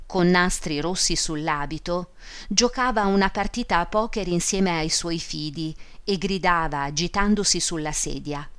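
Smooth low-voiced woman narrating. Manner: measured, even storytelling delivery. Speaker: audiobook narrator. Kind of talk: scripted narration of a classic novel.

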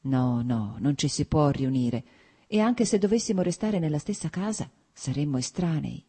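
A woman reading aloud and voicing a distraught, betrayed wife with a husky voice, loud and accusing. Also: low voice, animated, moderate pace, full character voice. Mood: despairing.

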